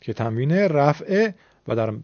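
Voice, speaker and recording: A man's voice: fairly high pitch, lively intonation, darkish tone, no room sound. A man teaching a recitation lesson, explaining the rules patiently and repeating words so learners can follow. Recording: dull lo-fi sound.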